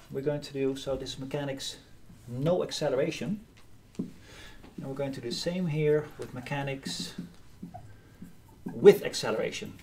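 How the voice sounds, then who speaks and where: A middle-aged university lecturer giving a live physics lecture in a hall, lively and often checking in with the class. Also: male voice, mid-range voice, slight background noise. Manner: lively, asks the class questions.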